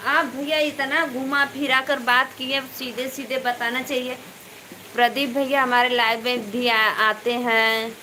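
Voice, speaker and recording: A woman from eastern Uttar Pradesh with an Awadhi-tinged Hindi accent, hosting a casual live stream, chatting with viewers by name and speaking loudly over rain. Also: high voice, level tone, unhurried, low-quality recording. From eastern Uttar Pradesh, India. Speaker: live stream host and folk singer. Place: indoors at home during heavy rain. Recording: faint background noise of rain.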